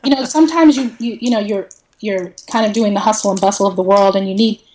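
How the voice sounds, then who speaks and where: As a podcast guest, a woman tells stories in a casual, candid and joking manner. She talks fast in a mid-range, slightly mellow voice. The recording has a roomy echo and faint noise.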